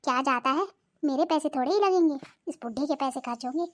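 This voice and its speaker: A voice artist playing a bossy, sharp-tongued middle-aged cartoon wife who nags and threatens. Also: high-pitched, brisk, lightly acted. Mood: nagging. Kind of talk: cartoon voice acting.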